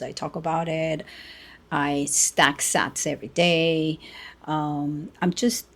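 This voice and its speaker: A woman in her sixties talking through a rambling, self-mocking personal monologue with sarcastic asides. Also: sits low. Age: 60s. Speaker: artist and podcaster. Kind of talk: casual reflective monologue.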